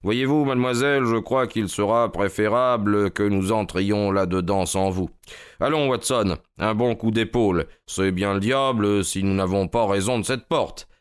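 A man voicing an eager, commanding male detective who speaks briskly and urgently. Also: lowish voice, clean tone, natural voice.

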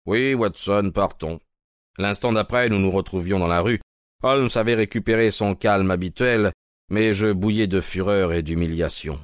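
A man giving steady, measured scripted narration of a dramatic story. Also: sits low, smooth, no echo, studio quality.

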